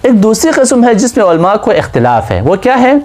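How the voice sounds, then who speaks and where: Male seminary teacher, lively rising and falling pitch, slightly high voice, asks and answers his own questions. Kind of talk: classroom lecture on Islamic law.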